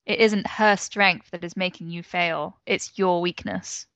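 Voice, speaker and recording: Woman doing a sinister alien supreme leader, low voice, gravelly, measured, dry sound. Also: steady tone, a bit bright, no room sound. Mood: menacing. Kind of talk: reading a scene aloud in character.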